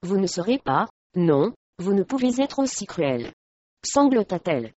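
A woman reading the part of a young devout mother, anguished yet firm, speaking softly and low. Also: sing-song, a little slow, no echo. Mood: pleading. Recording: dry, slightly muffled recording.

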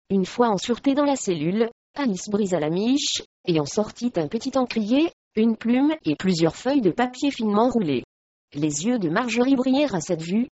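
A woman narrating a historical storybook in a steady, measured reading voice. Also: medium pitch, no room sound, lo-fi sound.

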